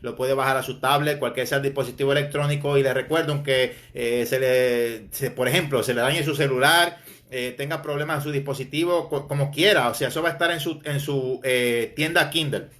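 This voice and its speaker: A man's voice: mid-range voice, fairly even intonation, brisk, a bit bright. A man preaching informally online, mocking his critics and chuckling as he addresses listeners as brother. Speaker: preacher and Bible teacher.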